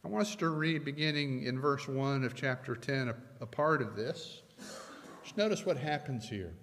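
A middle-aged man preaching a sermon from a pulpit, measured and emphatic, leaning hard on key phrases. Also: medium pitch, fairly bright tone. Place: church sanctuary at a pulpit. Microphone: pulpit microphones. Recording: long church reverb.

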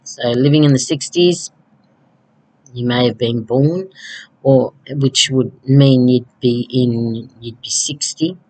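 Unhurried woman, early sixties, chatty home vlogger, rambling delivery. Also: very deep voice, mellow, poor audio. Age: 60s. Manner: rambling, conversational, frequent ums. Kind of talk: casual chat to camera. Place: small home room indoors. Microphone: laptop webcam.

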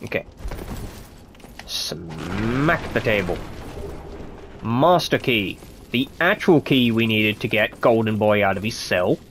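A stuffy-nosed man talks his way through a game in a slow, unhurried, casual commentary, his pitch jumping about lively as he mutters to himself. Faint game sounds sit quietly behind his voice. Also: a little hiss or hum. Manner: chatty, muttering to himself while playing. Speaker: gameplay commentator. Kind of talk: casual let's-play commentary.

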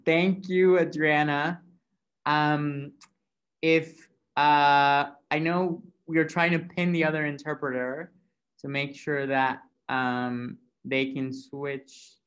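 Speaking through a video call webcam from an indoor office room, a Mexican man in his thirties hosts an online event. His voice is a little high, somewhat bright and clean, and his delivery is upbeat and filler-heavy.

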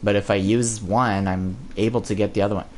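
A man's voice: lowish voice, steady tone, a little fast, darkish tone, a little hiss or hum. A man playing a horror game with a friend, swearing a lot and yelping when startled. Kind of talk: casual let's-play commentary.

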